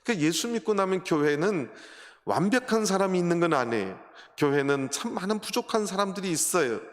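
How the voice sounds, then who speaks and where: A man's voice: high voice, expressive, a little fast. A man preaching a sermon as a pastor, telling a story and putting rhetorical questions to the congregation. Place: church sanctuary. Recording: long hall reverb.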